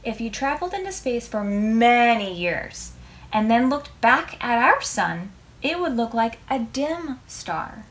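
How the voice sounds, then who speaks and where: Reading a picture book aloud for preschool children, this woman draws out her words, poses questions to the little ones, and stays expressive. Her voice is a little high and her pace unhurried.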